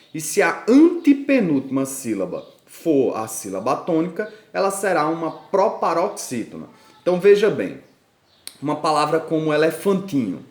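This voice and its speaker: Lively Brazilian male teacher, echoey room. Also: on the high side. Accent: Brazilian Portuguese. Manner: patient, stresses syllables loudly in examples. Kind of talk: grammar lesson for children.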